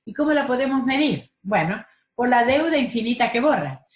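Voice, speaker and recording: A woman's voice: fairly high pitch, expressive, normal speed, echoey room. A woman teaching a Bible study class over a video call, earnest, stressing key words and asking rhetorical questions.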